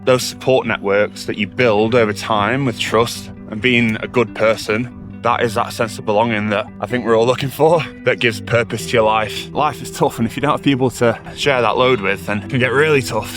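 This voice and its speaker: A man's voice: mid-range voice, moderate pace. A man from England, talking earnestly and casually about belonging. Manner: earnest, rambling, sincere. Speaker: interviewee. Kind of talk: casual reflective chat. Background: music.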